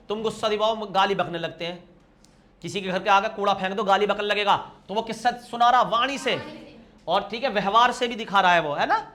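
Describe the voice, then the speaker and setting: A young male teacher with a high, bright voice runs an exam-prep grammar lesson. He teases his students, fires questions at them and answers them himself. He acts out quick everyday scenes to make each point stick.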